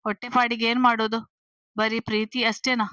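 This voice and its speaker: A woman's voice: a little high, little pitch movement, brisk, bright, forceful tone, dry recording. A woman voicing a stern, questioning father. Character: stern protective father, middle-aged man, questioning.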